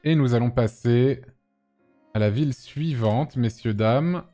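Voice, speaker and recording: A man's voice: mid-range voice, measured pace, mellow, soft background music. A man hosting a live stream, chatting casually with lots of fillers and teasing his guests. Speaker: streamer host.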